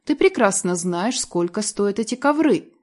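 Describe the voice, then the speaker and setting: A woman's voice: medium pitch, animated, measured pace. Woman narrator doing a cold controlling husband: icy, level, stern, never raises it. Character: cold, calm, domineering husband.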